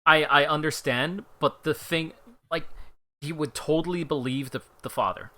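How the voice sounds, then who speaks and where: A man's voice: a little high, normal speed, bright, forceful tone. A man casually talking through his character as a player in a tabletop role-playing game. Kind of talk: casual, informal game discussion.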